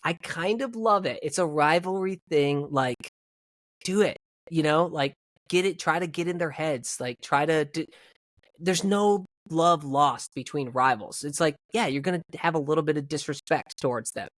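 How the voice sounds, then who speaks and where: A man's voice: a little high, moderate pace, fairly bright tone, no echo, studio quality. A man co-hosting a sports podcast, giving emphatic, opinionated takes with frequent restarts. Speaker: podcast co-host. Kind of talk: casual sports podcast chat.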